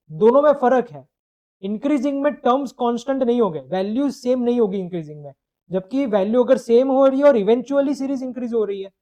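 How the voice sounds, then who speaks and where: A man with a very high-pitched, mellow voice teaches a live online math lecture. He works through each step, asks questions that he answers himself, and slips English phrases into his explanation.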